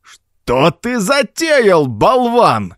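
A belligerent old man, put on by a male reader, hurls abuse in a high, strained, screeching voice. His lines rise far above a normal speaking pitch and carry a ragged, barking anger. The voice sounds close and dry. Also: huge pitch swings, very slow, dry recording, heavily acted. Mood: enraged. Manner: shouting, spitting insults. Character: furious belligerent old man, quick-tempered.

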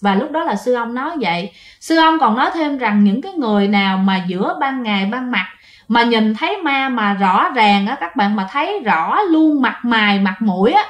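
Woman, fairly high voice, chatty ghost-story telling, roomy echo. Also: fairly bright tone. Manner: chatty, addresses listeners directly, many fillers. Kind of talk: casual spoken storytelling.

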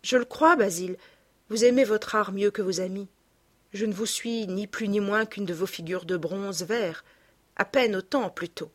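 A woman's voice: medium pitch, normal speed, natural voice. A woman voicing an anguished young man obsessed with his youth, pleading and tearful, in an audiobook reading.

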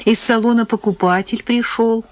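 A woman voicing an eager, chatty female artist who talks in a gushing, bright way. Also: a little high, steady tone, normal speed, no echo, pitched above the performer's own voice, close to an everyday voice.

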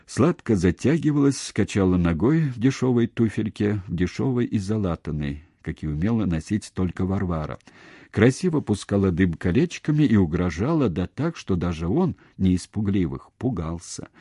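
A man reading a novel aloud as an audiobook narrator, measured and expressive. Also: deep voice, husky, dry recording, studio quality. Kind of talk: scripted narration.

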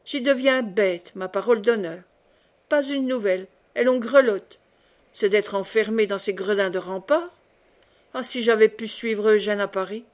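A woman's voice: mid-range voice, moderate pace, natural voice. A woman reading the part of an ambitious, sulky young man in an audiobook. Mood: bitter. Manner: sulky, brash.

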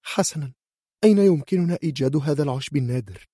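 An anxious young daughter, voiced by a male narrator, pitched well above his own voice and pleading. The sound is husky and dry, close to the mic. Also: animated, fast talker, warm tone, no echo. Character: worried young woman longing to be a mother.

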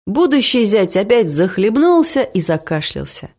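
Woman narrator, comic storytelling, expressive, pitch swinging widely. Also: normal speed. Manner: expressive, comic, animated reading. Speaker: audiobook reader.

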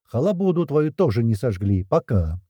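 A man playing a cocky tough guy, calm and mocking as he needles his target. His voice is husky and dark, rising higher when he pushes. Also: moderate pace, dry recording, clean studio sound. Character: cocky, mocking male gang member.

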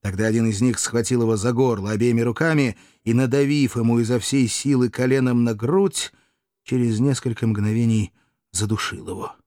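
A man narrating a historical novel as an audiobook in a steady, even manner. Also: medium pitch, moderate pace, no room sound, studio quality.

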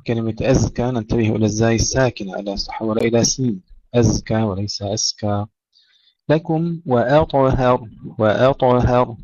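A man teaching Quran recitation rules, reciting verse phrases slowly, then explaining them briskly. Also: mid-range voice, darkish tone, dry recording. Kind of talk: tajweed lesson. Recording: dull lo-fi, dry sound.

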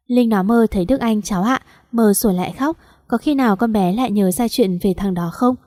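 A woman doing an anxious middle-aged mother in an audio story, fretful and pleading, warm and mellow tone, recorded dry and close. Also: mid-range voice, fairly quick, dry recording, natural voice. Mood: worried.

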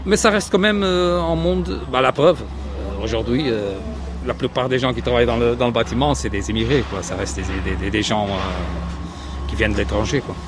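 A man's voice: mid-range voice, normal speed. A man from Portugal, a construction site supervisor, answering interview questions in a hesitant way, full of fillers and restarts. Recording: street noise and traffic behind.

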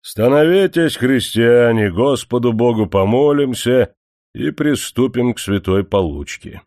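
A man's voice: fairly low pitch, animated, unhurried, a little mellow, no room sound, studio quality. A man reading an audiobook who voices a greedy, hypocritically pious factory manager, scolding and mocking the workers. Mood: scornful. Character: pompous sanctimonious male factory manager, greedy. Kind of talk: audiobook character voice.

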